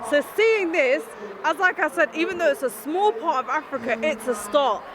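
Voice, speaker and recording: A woman with a high voice answers interview questions outdoors at a festival. She sounds eager and animated, with a busy crowd and clear noise all around her. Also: moderate pace. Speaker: interviewee, freelance journalist. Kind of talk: casual street interview.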